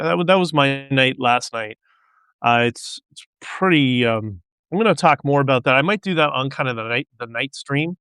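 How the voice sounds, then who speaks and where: A man with a smooth, resonant voice hosts his own livestream, drifting from thought to thought in a loose, casual monologue. The sound is dry and close, with no room echo. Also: medium pitch, a bit bright. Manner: rambling, digressive, with many restarts. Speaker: podcast host.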